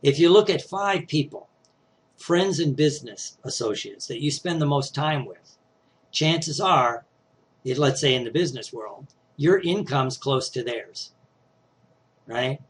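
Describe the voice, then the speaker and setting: A middle-aged man with a slightly scratchy voice gives a casual, conversational talk on success skills, tagging lines with "right?" and "you know." His pitch is on the high side, his manner animated yet unhurried, and he clears his throat at times.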